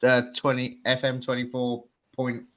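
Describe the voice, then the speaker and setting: A young man, talking loosely and joking with friends on a podcast. His voice sits at an ordinary middle pitch. He chuckles between lines and keeps the chat relaxed. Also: measured pace. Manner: laid-back, jokey, chuckling. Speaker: podcast co-host. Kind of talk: casual chat.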